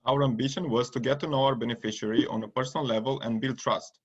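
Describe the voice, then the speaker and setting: Guy rushing through his presentation, husky voice, kinda muffled recording. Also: medium pitch, steady tone. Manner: reading a prepared script. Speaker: student presenter. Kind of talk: scripted presentation. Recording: dull lo-fi recording.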